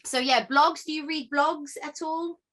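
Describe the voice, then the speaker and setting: A chatty woman with a slightly raised voice hosts a relaxed sewing interview. She laughs often and asks friendly follow-up questions. She is talking from her sewing room at home over a video call. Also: high voice, measured pace. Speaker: podcast host. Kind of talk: casual interview chat.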